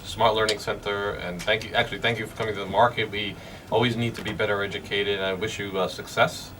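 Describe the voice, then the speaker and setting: A man's voice: lowish voice, steady tone, fast, bright, forceful tone. A man hosting a radio business show, asking a guest long, hesitant questions. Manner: questioning with many fillers and restarts. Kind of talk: radio interview. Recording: distant mic with background noise.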